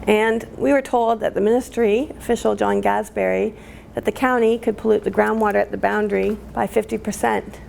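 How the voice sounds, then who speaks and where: Emotional woman with a gravelly voice. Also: medium pitch, fairly even intonation, darkish tone, slight background noise. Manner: halting, many fillers, emotional. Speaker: community activist speaker. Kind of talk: emotional public talk.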